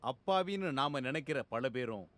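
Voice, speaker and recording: A man's voice: medium pitch, lively intonation, moderate pace, fairly bright tone, close to an everyday voice. An actor playing a stern, impatient police superintendent who scolds his staff curtly.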